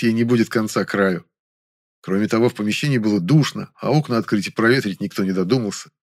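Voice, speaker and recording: A man reading first-person narration for an audiobook in an even, measured way. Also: on the low side, no room sound, clean studio sound.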